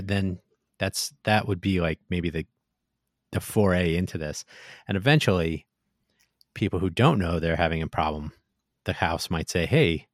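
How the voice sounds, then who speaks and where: Deep-voiced man musing on tech. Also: no echo, studio quality. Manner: thoughtful, hesitant, many restarts and fillers. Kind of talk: casual tech discussion.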